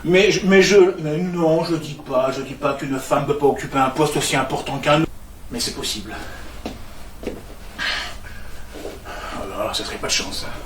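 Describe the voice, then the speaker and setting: On stage, an actor plays an awkward, clumsy office worker and neighbour who is self-satisfied and tactless and stammers when flustered. His fairly high voice moves at a normal speed with long pauses and sounds close to everyday speech. The stage comedy is captured from far off with echo and a noisy background.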